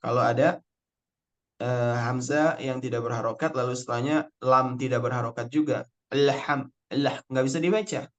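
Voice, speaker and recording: A young man teaching an online Arabic spelling lesson, patiently explaining rules step by step and repeating key words. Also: medium pitch. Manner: recites Quranic verses slowly in chant.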